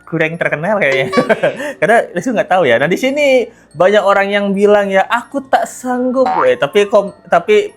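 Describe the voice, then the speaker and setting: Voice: medium pitch, lively intonation, moderate pace. A gossip commentary host who chats casually with viewers, teasing and laughing often while reacting to celebrity news. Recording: light background music.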